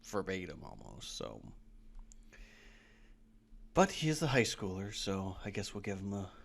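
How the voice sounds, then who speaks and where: Man, podcast co-host, casual and rambling, lively intonation. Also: deep voice, unhurried, gravelly. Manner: rambling, laughs often. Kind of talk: casual chat.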